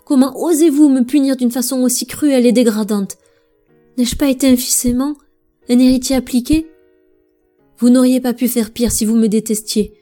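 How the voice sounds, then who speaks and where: A woman's voice: high-pitched, fairly even intonation, moderate pace, few pauses, warm tone, faint music behind, pitched above the performer's own voice, close to an everyday voice. A woman voicing a proud young prince who speaks up in indignant outbursts, in a storybook reading. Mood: furious. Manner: indignant, raised voice.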